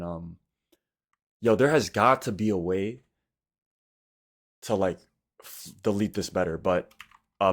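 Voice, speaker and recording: A young man with a fairly low voice hosts a casual tutorial. He has a slight lisp from wearing a retainer. He talks informally and slangily, thinking aloud in short, broken phrases. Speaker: tutorial host.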